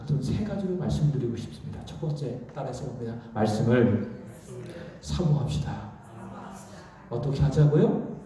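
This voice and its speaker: A man preaching a Friday prayer-meeting sermon, asking the congregation questions and having them repeat phrases back. He swings between loud peaks and soft asides. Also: a little high, far from the mic. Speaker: pastor. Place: large church sanctuary. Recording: very echoey room, voice from afar.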